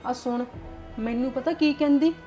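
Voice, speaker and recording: Woman doing a scheming auntie, high voice, fake-teary complaining, family drama. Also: moderate pace, dark tone, soft background music, natural voice. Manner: sly, mock-tearful complaining. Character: scheming middle-aged aunt stirring family trouble. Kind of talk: Punjabi family web drama.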